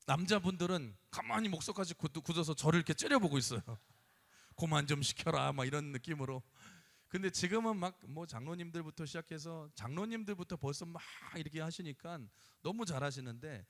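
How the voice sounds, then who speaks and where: A man preaching a sermon as pastor, telling stories and acting out the voices of the people in them. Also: on the high side. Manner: storytelling, acting out quoted voices. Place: church sanctuary. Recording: reverberant church hall.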